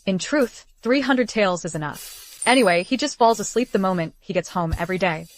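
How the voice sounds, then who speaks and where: A woman dubbing a caring young wife in a period drama, with a gently bossy, fussing manner. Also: medium pitch, animated, brisk, close to an everyday voice. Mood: matter-of-fact, caring. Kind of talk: English dub of a period drama.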